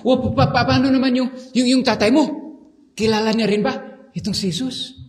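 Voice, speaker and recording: A preacher putting on a crying old village healer. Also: male voice, extremely high pitch, steady tone, fairly quick, in a large hall, pitched above the performer's own voice. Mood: pleading. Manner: wailing, stammering pleas. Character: elderly male village healer, grief-stricken.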